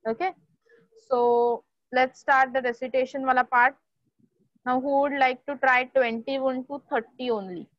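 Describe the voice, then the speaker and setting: A woman's voice: high-pitched, fairly even intonation, very slow, no room sound, highs cut off. A woman teaches a Sanskrit class over a video call, encouraging and mixing Hindi with English.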